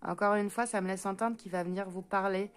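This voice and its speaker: A woman with a French accent doing a spoken card reading for viewers. She talks fast, trips over her words and fills pauses with hesitant sounds. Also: medium pitch, steady tone, clear, resonant tone. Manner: talks fast and stumbles, many hesitant fillers. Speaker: intuitive card reader.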